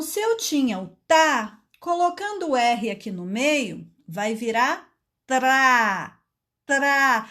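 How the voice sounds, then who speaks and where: Slow-spoken, high-voiced woman teacher. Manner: patient, drawing out syllables one by one. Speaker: adult literacy teacher. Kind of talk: phonics reading lesson.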